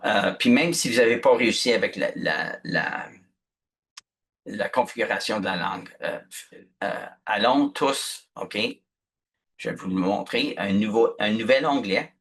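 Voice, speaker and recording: A man runs a video-call workshop. His voice sits low and a little husky. He explains things patiently and keeps checking that everyone is following. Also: fairly bright tone. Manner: patient, chatty, often checks "ok?". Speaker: instructor. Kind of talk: live online workshop teaching.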